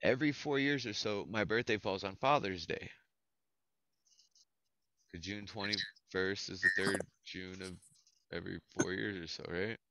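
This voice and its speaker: With a low voice, a measured pace, and long pauses, an American host in his thirties from Florida emcees an open mic over video call, effusive and casual with heavy slang and swearing. His tone is bright and forceful, with no echo. The dull, lo-fi audio comes from a headset at his indoor computer setup.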